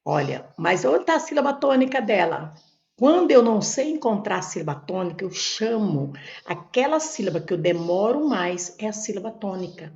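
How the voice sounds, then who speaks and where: A woman's voice: medium pitch, very animated, moderate pace, vocal fry, a little mellow, echoey room. A woman teaching Portuguese grammar for an exam, explaining step by step, with a Brazilian Portuguese accent, who asks questions and then answers them herself. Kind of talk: exam prep lesson, explaining on a board. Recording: dull lo-fi recording.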